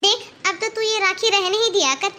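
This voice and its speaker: A woman's voice: very high-pitched, steady tone, moderate pace, pushed and bright. A woman voicing a stingy middle-aged aunt in a cartoon, who speaks bluntly and scolds. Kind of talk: Hindi cartoon voice acting.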